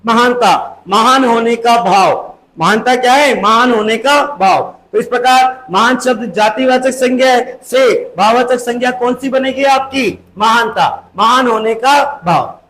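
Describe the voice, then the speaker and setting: A man's voice: extremely high pitch, measured pace, hardly any pauses, a bit bright, poor audio. A man teaching a grammar lesson for exam preparation, asking questions and answering them himself, stressing the rules and repeating key words. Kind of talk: exam-prep classroom lesson.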